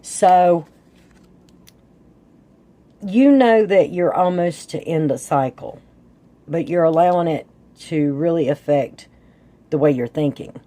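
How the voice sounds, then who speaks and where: Low-voiced woman with a congested sore throat. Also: slow pace, long pauses, mellow. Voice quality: congested, thick sore-throat voice that breaks here and there. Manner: folksy, chatty, addresses viewers as guys. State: sore throat with sinus drainage, voice slightly off and breaking up. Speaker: tarot reader and channel host. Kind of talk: casual tarot reading to viewers.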